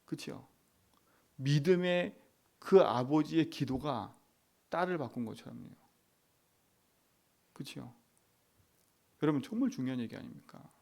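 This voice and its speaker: A man's voice: on the high side, a little slow, gravelly, long pauses, warm tone. A middle-aged male pastor preaching at a dawn prayer service, emphatic, with rhetorical tag questions and whispered prayers.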